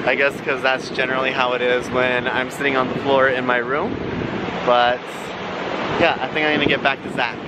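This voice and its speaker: A man's voice: mid-range voice, level tone, normal speed. A man of thirty, a nurse, talking casually and self-consciously while vlogging with a handheld camera, mostly outdoors, with the odd laugh. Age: 30s. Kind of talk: casual travel vlog. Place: outdoors at the beach and around town, also a hotel room. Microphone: handheld camera at arm's length. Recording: music playing underneath.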